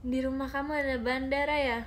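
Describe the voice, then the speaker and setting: A woman's voice: high-pitched, flat delivery, brisk. A young woman chatting casually on a phone live stream from home, giggly and reading viewer comments aloud. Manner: chatty and giggly, often addresses viewers as guys.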